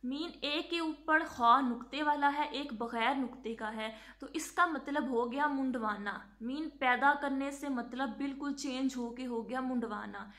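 A woman's voice: sits high, hardly any pauses, a bit bright. A woman giving an instructional talk on Quran recitation, explaining patiently and drawing out words to demonstrate their sounds, with English words mixed into her speech. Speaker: religious teacher.

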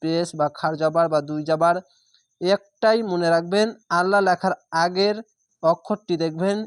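A man teaching how to read scripture, spelling it out syllable by syllable in a patient, drawn-out way and repeating the rules. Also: high-pitched, steady tone, smooth, no room sound, clean studio sound. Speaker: Quran reading teacher. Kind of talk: spelling-out recitation lesson.

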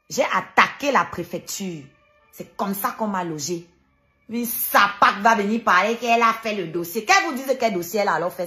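In a pushed, bright voice of medium pitch, an online live streamer rants heatedly. She sounds combative and sarcastic, and she hammers home her arguments by repeating them emphatically.

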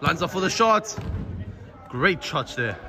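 A high-voiced man calls a football match live, breathless and eager. A loud crowd roars behind his words. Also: slow pace. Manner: excited, repeats stock phrases. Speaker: football commentator.

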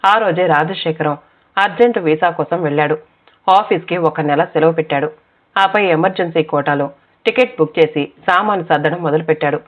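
A woman narrating a story as the channel's storyteller, in a calm, even reading voice. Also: low voice, moderate pace. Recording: tinny phone-like sound.

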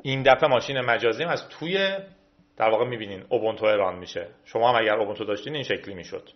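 Guy doing a laid-back computer tutorial, talks you through every click, kinda dull sound. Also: lowish voice. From Iran. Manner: chatty, explains steps while clicking through menus. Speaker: tech video host. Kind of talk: casual screen-recorded tutorial.

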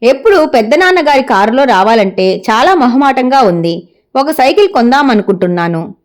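A modest young college girl speaks gently and politely, her voice fairly high and lively in its rise and fall, as a woman storyteller voices her. She belongs to a read-aloud audio story. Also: normal speed. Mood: gentle.

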